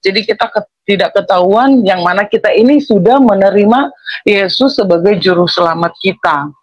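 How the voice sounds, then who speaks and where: A woman's voice: medium pitch, moderate pace, no echo, dull audio. A woman giving a casual personal testimony, rambling and often correcting herself as she acts out talks with her family. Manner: rambling, with frequent self-corrections and restarts; acts out quoted dialogue with family.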